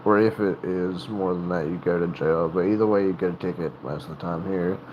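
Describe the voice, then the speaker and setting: His voice sits low, and the audio is dull with slight background noise. This Southern-accented livestream host from North Carolina chats casually, wandering off, hesitating and restarting his sentences.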